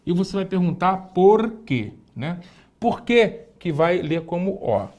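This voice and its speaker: A man, teaching an online lesson and speaking directly to the student, slowly spelling out and repeating words. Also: sits high, sing-song, a little mellow. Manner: didactic, addresses the student directly, slow careful spelling-out of words. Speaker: Hebrew teacher.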